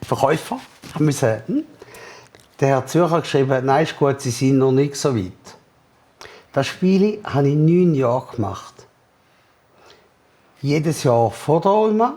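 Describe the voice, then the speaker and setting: Lively Swiss German man telling a story. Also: mid-range voice. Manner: lively, acts out the other people's lines in quoted dialogue. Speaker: entrepreneur interviewee. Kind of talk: animated storytelling in an interview.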